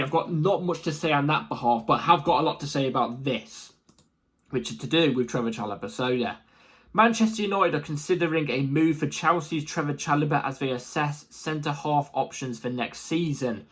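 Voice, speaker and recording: Guy ranting on his fan channel, a bit high-pitched, repeats stuff a lot. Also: husky. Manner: animated, rambling, repeats himself for emphasis. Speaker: football fan channel host. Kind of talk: casual opinion commentary.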